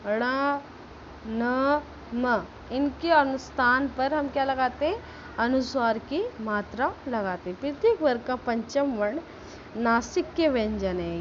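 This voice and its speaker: Slow, higher-voiced woman teaching grammar. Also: dull audio, a little hiss or hum. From India. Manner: explains step by step, checks with "ठीक है?"; says example words slowly and stressed. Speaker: school teacher. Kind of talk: grammar lesson.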